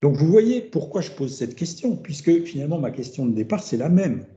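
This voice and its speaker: A man's voice: fairly high pitch, very animated, brisk, mellow. A middle-aged man giving an academic seminar lecture, thinking aloud as he goes, repeating words and tagging his phrases with questions. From France. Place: seminar room. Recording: roomy, dull lecture-room recording.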